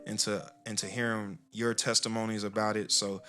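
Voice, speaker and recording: A man's voice: on the low side, flat delivery, moderate pace, pushed and bright, faint music behind. A man hosting a casual talk show, playful and easygoing, speaking close to a studio mic. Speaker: show host. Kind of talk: casual chat.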